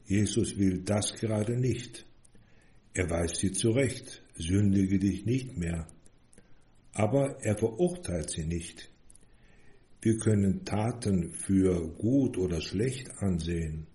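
A man with a very low, dark voice delivers a sermon at a slow, deliberate pace. He speaks in an earnest, measured way, and the sound echoes around the room. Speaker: priest.

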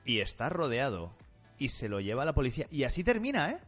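A man co-hosting a casual podcast, bantering in a teasing, jokey way with mock sales pitches. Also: sing-song, fast talker, a bit bright, breathy edge, faint music behind. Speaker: podcast co-host.

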